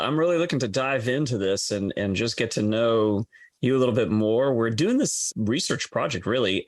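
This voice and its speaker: A man of middle pitch hosts a podcast, sounding dry and close with no room around him. He talks conversationally, explaining ideas before posing his questions. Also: no room sound. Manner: explanatory, with filler restarts. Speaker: podcast host. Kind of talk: conversational interviewing.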